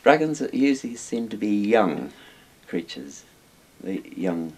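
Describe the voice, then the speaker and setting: Slow and very animated, the older man from Wales speaks with a fairly low pitch while discursively explaining Chinese dragons as an interviewed expert. The setting is a small book-lined room, and hiss sits in the background.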